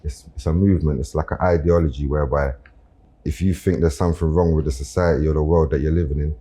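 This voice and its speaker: South london roadman guy, rapper chatting on a podcast, low mellow voice, loads of slang. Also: steady tone, fast. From Brixton, South London. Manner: street slang with frequent tags like "innit" and "you know what I'm saying". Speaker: guest rapper. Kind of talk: casual podcast conversation.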